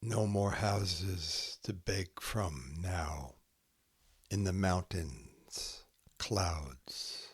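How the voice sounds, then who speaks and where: Taking an extremely slow, deliberate pace, a man who hosts a podcast reads sparse haiku, laying out every short phrase carefully. His fairly low voice is slightly rough, and the recording is close and dry with very little room around it.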